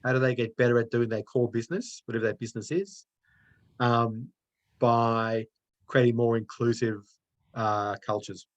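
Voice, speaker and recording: A man with an Australian accent, a guest author explaining ideas in a measured way during a casual discussion. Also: mid-range voice, steady tone, poor audio.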